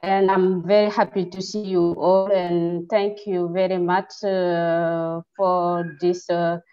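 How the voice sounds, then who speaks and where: A woman from Senegal with a Senegalese accent, introducing herself politely and haltingly in an online meeting. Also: fairly low pitch, level tone, dark tone, smooth. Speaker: webinar participant. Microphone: video call. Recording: dull, lo-fi online call.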